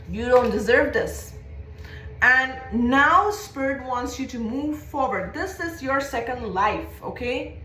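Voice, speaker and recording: A woman's voice: a little high, fairly bright tone, reverberant, poor audio. A woman giving a live tarot reading to viewers, repetitive and reassuring, often checking in with "okay?". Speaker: psychic tarot reader. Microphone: livestream setup.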